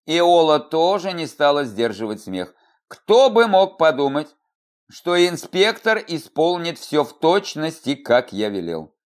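A man's voice: on the high side, very animated, a little slow. A man narrating a first-person fantasy audiobook in a wry, ironic manner.

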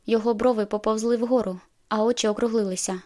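A woman narrating a first-person audiobook in a steady, measured way. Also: fairly high pitch.

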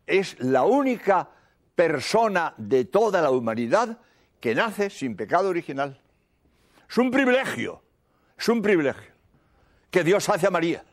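A man delivers a sermon in a high, lively voice that swoops up and down. He is emphatic and hammers his points home by repeating them. He explains doctrine through plain everyday examples. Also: unhurried, pauses often. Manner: emphatic, repeats key phrases. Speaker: priest.

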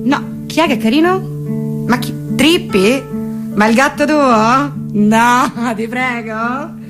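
A woman's voice: a little high, slow. Woman playing gossipy posh Roman girl. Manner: breathless, gossipy, exaggerated. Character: spoiled posh young Roman woman on phone. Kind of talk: comic theatre monologue. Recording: radio broadcast with guitar behind.

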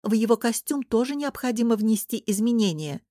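A woman's voice: a little high, lively intonation, brisk, dark tone, dry recording, clean studio sound, pitched above the performer's own voice, lightly acted. A woman voicing a gushing, frivolous princess. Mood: breezy. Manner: breezy, enthusiastic, impatient. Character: gushing, frivolous young court lady princess. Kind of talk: audiobook character voice.

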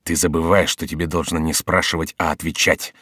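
A man's voice: low-pitched, fairly quick, fairly bright tone, no room sound, studio quality. A man voicing an enraged, scheming male lawyer who questions a captive in a harsh, menacing tone.

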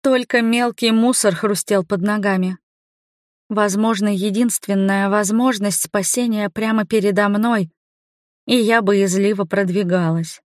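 A woman's voice: mid-range voice, no echo. A woman reading a first-person fantasy audiobook with tense, suspenseful storytelling. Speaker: audiobook reader. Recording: dry close studio sound.

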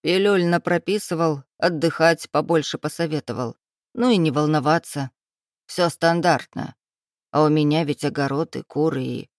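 A woman voicing a doting elderly village grandmother who talks slowly with a lowered, sighing voice. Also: dry recording, clean studio sound, lightly acted. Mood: fussing.

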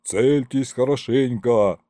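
A man playing a loyal excitable general. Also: mid-range voice, takes it slowly, no room sound, lightly acted. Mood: urgent. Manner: urgent, bursts into shouts. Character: loyal fussy male army general.

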